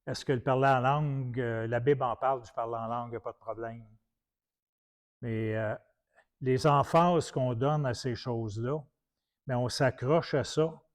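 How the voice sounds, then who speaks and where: A man's voice: medium pitch, darkish tone. A man from Quebec with a Québécois French accent, preaching in a colloquial, anecdotal style full of restarts. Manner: colloquial storytelling with many restarts. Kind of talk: anecdotal teaching talk.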